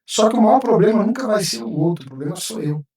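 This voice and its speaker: A man's voice: high-pitched, very animated, quick pace, darkish tone. A man, a pastor giving an emotional personal testimony as a podcast guest, acting out what he once said. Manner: emotional, vivid storytelling, acting out his own past words. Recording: roomy sound, mic at a distance.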